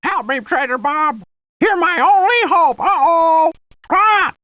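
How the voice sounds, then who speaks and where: A shrill squawking parrot. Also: female voice, expressive, slow pace, heavy background noise, full character voice. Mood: frantic. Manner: panicked pleading. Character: squawking frantic talking parrot, small. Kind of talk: video game voice acting.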